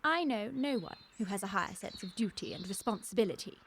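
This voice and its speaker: A woman's voice: medium pitch, lively intonation, quick pace, fairly bright tone, a little hiss or hum. A woman playing a stern, prim Victorian governess in a period radio comedy, speaking precisely like a moralising schoolmistress. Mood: disapproving.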